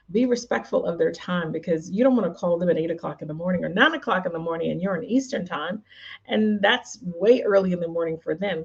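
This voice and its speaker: A woman's voice: lowish voice, gravelly, slightly rough, dull audio. A woman hosting her own show as a communication coach, giving conversational advice with frequent fillers and restarts. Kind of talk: spoken advice talk to the viewer.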